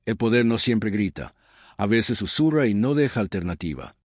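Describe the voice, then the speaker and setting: Deep, solemn male storyteller. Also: sing-song, moderate pace, a little mellow, dry recording, studio quality. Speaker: narrator. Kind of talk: scripted dramatic narration.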